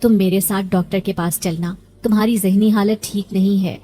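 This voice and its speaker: A man's voice: high voice, steady tone, mellow, slight background noise, close to an everyday voice. A woman voicing a young husband in a storybook reading, earnest and reassuring. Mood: gentle.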